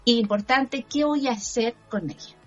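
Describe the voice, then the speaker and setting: A woman's voice: a little high, moderate pace, highs cut off, faint music behind. Encouraging Chilean coach woman. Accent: Chilean Spanish. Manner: earnest, encouraging, asks listeners for agreement. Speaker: personal growth coach. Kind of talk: motivational talk show chat.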